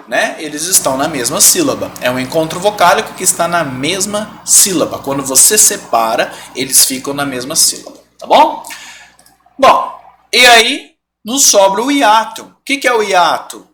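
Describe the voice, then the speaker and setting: A Brazilian man teaches a live online grammar class, stretching out example words and constantly checking that his students follow. His voice is high and bright, and his pitch swings widely as he explains. A faint hiss of room noise sits behind him. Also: expressive, moderate pace. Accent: Brazilian Portuguese. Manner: explains step by step, keeps checking in with "tá bom?".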